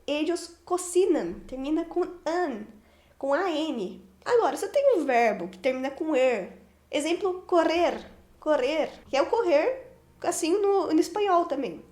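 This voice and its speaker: Brazilian woman, Portuguese native, Spanish teacher; high pitch, patient repetitive delivery, echoey room. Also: very animated, darkish tone. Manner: patient, repeats each form and ending slowly. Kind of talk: explaining grammar to learners.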